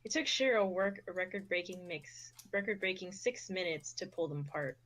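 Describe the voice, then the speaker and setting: A young woman narrating an amateur fan fiction reading with steady, expressive delivery. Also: lowish voice, moderate pace. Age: young adult.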